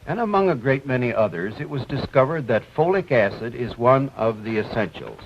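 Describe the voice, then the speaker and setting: A man's voice: medium pitch, expressive, fairly quick. Male physician presenter, hesitant and filler-heavy, heard through muffled 1950s TV broadcast audio with light hiss. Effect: 1950s TV broadcast sound. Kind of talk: explanatory TV science presentation. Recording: dull lo-fi old TV audio, faint hiss.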